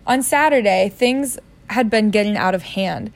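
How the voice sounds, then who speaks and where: A woman's voice: mid-range voice, animated, moderate pace, vocal fry. A woman reading a novel aloud in a casual way, joking about her own misreadings. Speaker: reader.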